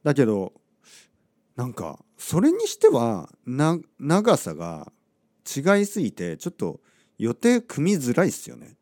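Animated man with a very lively voice. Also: mid-range voice, a little slow, dry recording, clean studio sound. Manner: animated, acts out quotes, asks listeners rhetorical questions. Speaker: podcast host. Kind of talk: casual storytelling monologue.

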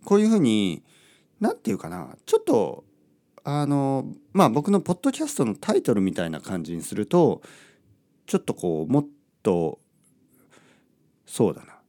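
A man's voice: mid-range voice, wildly swooping pitch, normal speed, long pauses, mellow. A middle-aged man hosting a podcast, talking casually and rambling with frequent self-interruptions. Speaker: podcast host. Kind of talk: casual monologue about Japanese language.

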